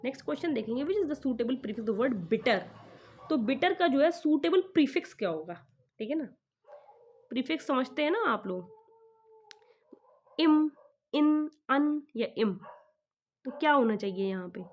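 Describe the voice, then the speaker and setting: Brief: woman exam tutor with a fairly high voice, walks through questions one by one, reads the English slowly, explains in Hindi. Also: animated, a little mellow. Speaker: exam prep teacher.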